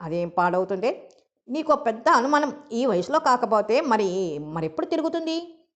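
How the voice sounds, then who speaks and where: Woman reader as an easygoing rich father, high voice, muffled lo-fi audio. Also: sing-song, moderate pace. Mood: indulgent. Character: wealthy middle-aged father, indulgent and talkative.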